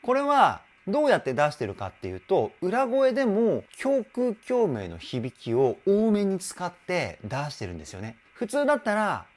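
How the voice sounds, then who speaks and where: A man working as a vocal coach talks through a song in a lively, up-and-down voice. He gets openly excited and a little self-deprecating as he explains technique. Now and then he slips into brief sung demonstrations. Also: high voice, normal speed, few pauses. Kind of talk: song reaction and vocal analysis.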